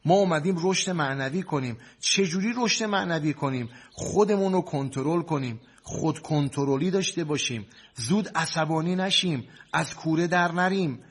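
A man's voice: a little high, husky. A man playing a cleric counselor who gives preachy, soothing advice to a couple in long, repetitive lists. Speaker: cleric marriage counselor in a sketch. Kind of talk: comic sketch, preachy advice.

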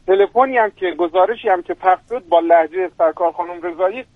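A man's voice: high voice, no echo. A man with a strong Birjandi accent, a lecturer calling into a radio show, explaining things in a formal, polite and eager way. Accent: Birjandi Persian. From Birjand, Iran. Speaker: guest expert, university lecturer. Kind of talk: radio talk by phone. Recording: tinny phone line.

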